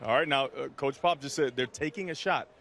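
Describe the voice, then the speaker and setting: A man's voice: mid-range voice, fairly quick, crowd noise. A man giving football color commentary from the sideline of an outdoor game, talking in a conversational, explanatory way and often checking in with "right?". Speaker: sideline analyst.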